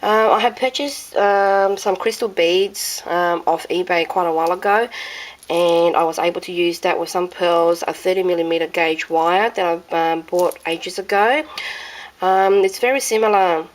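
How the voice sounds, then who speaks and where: An Australian woman talks through her craft projects in a hoarse, croaky voice. Her pitch sits on the low side. She rambles casually, full of ums and half-started words. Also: fairly even intonation, normal speed. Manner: rambling, many ums and restarts. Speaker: crafting vlogger. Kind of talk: casual show-and-tell chat.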